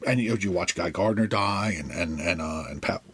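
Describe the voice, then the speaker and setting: A man co-hosting a casual comic book podcast, rambling and animated, often acting out characters' lines. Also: low-pitched, moderate pace, slightly rough. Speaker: podcast co-host.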